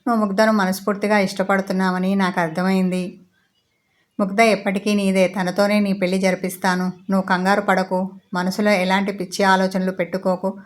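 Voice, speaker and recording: A woman reading the part of a loving middle-aged mother in a story, gently coaxing and teasing her son. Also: mid-range voice, flat delivery, fairly quick, close to an everyday voice. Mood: tender.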